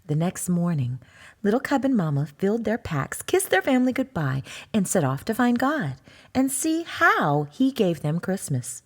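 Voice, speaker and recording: A woman narrating a children's picture book at an unhurried pace, her voice breathy and soft. Her pitch rises and falls with lively expression, and she drops into gentle whispers for quiet moments. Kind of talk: storybook read-aloud.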